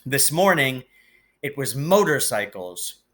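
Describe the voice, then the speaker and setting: A man with a mid-range voice reads a children's novel aloud the way a teacher would. His narration is expressive, with deliberate, emphatic phrasing.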